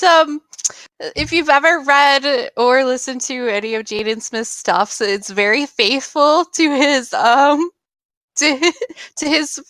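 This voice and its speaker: A woman with a high voice who speaks slowly, giggling often and adding wry remarks. The sound is dry and close, with no room echo, in a casual podcast chat. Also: fairly bright tone. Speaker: podcast co-host.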